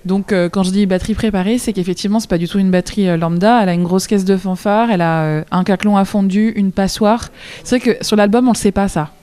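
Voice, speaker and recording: A woman's voice: mid-range voice, steady tone, fast, warm tone, clear, resonant tone. A woman musician being interviewed on the radio, talking chattily and enthusiastically, with frequent restarts and easy laughter. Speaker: musician guest.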